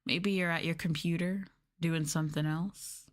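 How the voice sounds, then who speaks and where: A woman streamer and VTuber host performs an ASMR roleplay, condescending to listeners with mocking, teasing, sultry taunts. Her voice is lowish, with fairly even intonation and a moderate pace.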